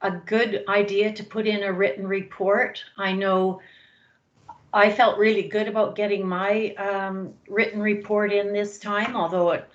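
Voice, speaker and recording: A woman speaking as a councillor in a council meeting, soft-spoken and hesitant with frequent ums. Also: mid-range voice, level tone, unhurried, lo-fi sound.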